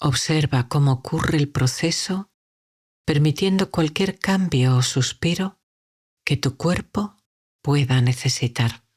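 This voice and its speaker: A woman with a deep, low voice leads a guided meditation. She speaks very slowly and softly, leaving long calm pauses between her phrases. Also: husky.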